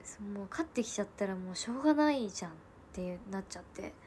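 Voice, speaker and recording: A Japanese woman in her twenties hosts a casual livestream, telling family stories and answering comments with frequent laughs and soft asides. Her medium-pitched voice is animated and she talks fast, over slight background noise.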